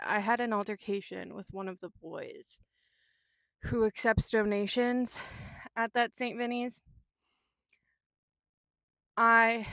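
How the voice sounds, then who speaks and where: This young woman, a vlogger and artist, chats from inside her parked car in a medium-pitched, slightly bright voice with no echo. Her vlog is rambling and candid, with casual swearing sprinkled in.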